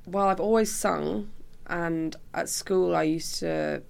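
Chatting informally as a guest on an interview, this young musician from Cumbria, England speaks with a British accent. Her lowish voice is gravelly yet smooth, and she talks slowly.

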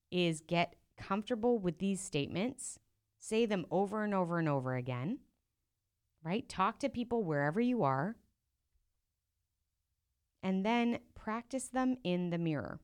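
A woman's voice: on the low side, clean tone. A woman hosting her own podcast as a business coach, talking straight to listeners in a direct, encouraging way and often asking rhetorical questions. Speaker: podcast host and profit coach. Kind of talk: solo podcast coaching talk.

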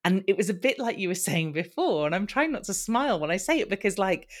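A man talking as a podcast guest, telling personal stories in a candid, conversational way with quick bursts and frequent restarts. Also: high-pitched, lively intonation.

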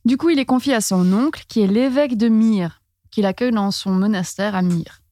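A woman's voice: medium pitch, fairly quick, dark tone, no room sound. A woman hosting a casual comic storytelling chat, talking loosely with slang and laughing as she goes. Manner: chatty, laughs while telling, slangy. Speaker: storyteller host.

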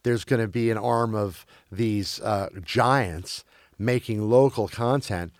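A man's voice: on the low side, slow, dry recording, studio quality. A man who grew up in Belgium, talking casually about film and streaming, with many restarts and fillers.

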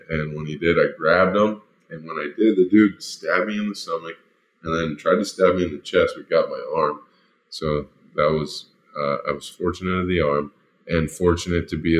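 A man, a former football lineman, casually tells a story, rambling and filling it with "like" and "you know". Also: very deep voice. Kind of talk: casual spoken anecdote.

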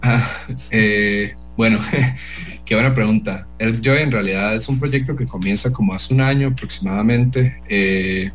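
A man, a DJ guest in a casual radio interview, talking hesitantly with many pauses and restarts. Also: fairly low pitch, faint music behind, low-quality recording. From El Salvador.

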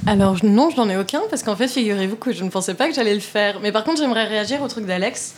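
A woman's voice: mid-range voice, fast, slight background noise. Woman co-host, mid voice, kinda hesitant, lots of euh. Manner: hesitant, musing, many fillers. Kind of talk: casual chat.

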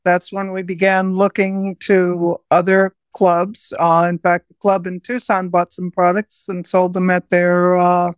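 Woman guest, earnest and explanatory, mid pitch, dry sound. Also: level tone, a little slow, hardly any pauses, clear, resonant tone, no room sound. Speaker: guest, project founder. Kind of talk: interview conversation.

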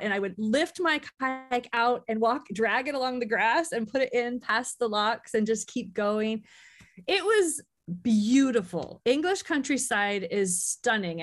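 An American woman telling personal stories as a podcast guest in a casual, effusive way. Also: on the high side. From United States. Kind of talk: casual, chatty personal storytelling.

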